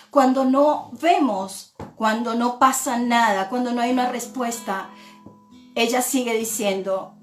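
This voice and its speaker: A woman pastor from Argentina, preaching a sermon in a slow, reflective way and often repeating words as she thinks. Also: high voice, reverberant.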